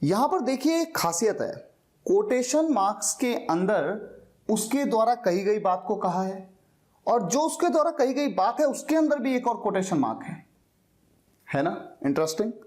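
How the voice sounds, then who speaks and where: A man teaching an English lesson, explaining step by step and slowly repeating key words. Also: high voice, sing-song, darkish tone.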